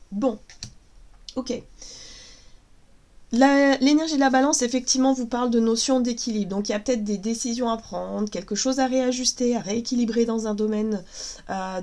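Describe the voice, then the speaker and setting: A tarot reader in her thirties has a cold that makes her voice crack. Her fairly high, slightly mellow voice moves at a moderate pace as she chats casually and hesitantly through a reading, using plenty of fillers.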